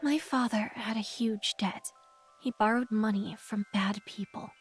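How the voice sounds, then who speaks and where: A woman voicing a gentle, remorseful young woman in a game, soft and sorrowful as she speaks. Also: mid-range voice, measured pace, breathy edge. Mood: sorrowful, resigned. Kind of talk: scripted game acting. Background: music.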